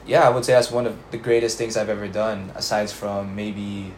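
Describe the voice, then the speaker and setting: Relaxed young man, roomy echo. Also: lowish voice. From Philippines. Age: young adult. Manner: relaxed, many um fillers and slow pauses. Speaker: interview guest. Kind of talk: casual interview answers. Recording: roomy echo, faint background noise.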